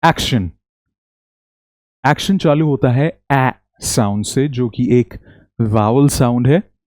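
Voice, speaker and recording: A man teaching English pronunciation in Hindi, leading slow repeat-after-me drills and praising often. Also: medium pitch, darkish tone, no room sound, studio quality. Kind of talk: spoken English lesson in Hindi.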